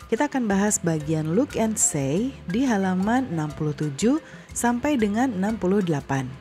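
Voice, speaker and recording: A woman's voice: mid-range voice, warm tone. Woman teaching English to small children. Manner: slow, drawn-out modeling of English phrases for repetition; friendly, explains patiently to children. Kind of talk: online lesson for children.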